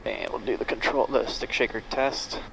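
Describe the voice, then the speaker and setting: At normal speed, a medium-pitched, creaky voice swoops wildly in pitch as a man casually narrates his cockpit duties. He's a pilot who hosts a vlog, speaking through an aviation headset in low-quality audio with faint cockpit noise and cabin noise from the aircraft.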